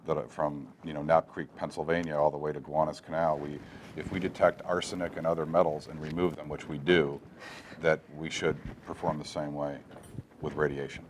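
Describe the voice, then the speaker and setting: A man in his forties explaining things as an expert guest in an earnest, deliberate way. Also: very deep voice, little pitch movement, a little hiss or hum. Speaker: guest expert on water testing. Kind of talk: explanatory interview talk. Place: indoor studio set lined with bookshelves. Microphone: lapel mic.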